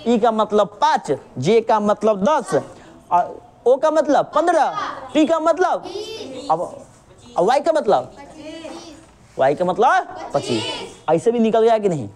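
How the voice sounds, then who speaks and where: A woman's voice: fairly high pitch, sing-song, slow, long pauses, a little mellow. A woman teacher explaining a reasoning lesson, patiently checking over and over that her student understands. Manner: patient, keeps checking understanding with repeated questions; calls the student "babu", drills with call-and-response.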